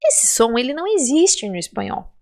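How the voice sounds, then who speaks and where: A woman's voice: sits high, very animated, normal speed, creaky, darkish tone. A woman with a Brazilian Portuguese accent, a Spanish teacher giving a pronunciation lesson, drawing out sounds in exaggerated demonstrations and checking in often. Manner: chatty and encouraging, with frequent check-ins.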